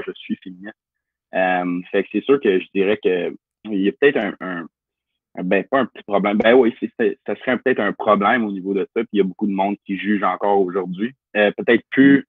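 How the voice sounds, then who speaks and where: A man's voice: fairly low pitch, husky, no echo. A 19-year-old man speaking as a panelist, casual and hedging as he thinks aloud. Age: young adult, 19. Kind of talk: panel discussion. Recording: tinny phone-like line, dry.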